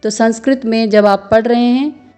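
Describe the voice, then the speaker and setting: A woman teaching Sanskrit verse recitation, patiently chanting each line slowly and then explaining pronunciation. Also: a little high, fairly even intonation, warm tone, clean tone, soft background music. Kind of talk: slow instructional recitation.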